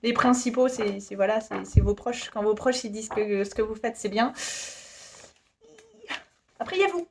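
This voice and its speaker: Casting: upbeat woman vlogger in her thirties, giggly and gushing, a little higher voice. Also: moderate pace, long pauses, a little hiss or hum. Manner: giggly, self-deprecating, gushing. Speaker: YouTuber presenting her shop. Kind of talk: casual chatty vlog.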